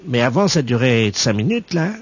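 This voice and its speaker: A man's voice: mid-range voice, very animated, normal speed, husky. A man voicing a naive, fussy older woman who rambles hesitantly on a prank phone call. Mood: innocent, rambling. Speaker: prank caller. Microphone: telephone. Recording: muffled phone line.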